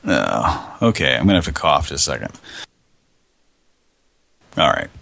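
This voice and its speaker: A man hosting a casual radio show, hoarse with a scratchy throat, rambling and meandering as he talks. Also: a bass voice, sing-song, unhurried, a bit bright, no room sound. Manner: rambling, meandering, chuckling often.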